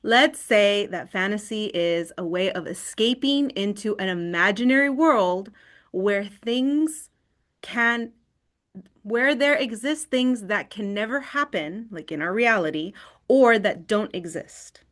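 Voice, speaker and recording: A woman's voice: medium pitch, lively intonation, slow, a bit bright. A woman leading an online wellness workshop in a screen recording of a video call. She talks conversationally and often checks in with "right?".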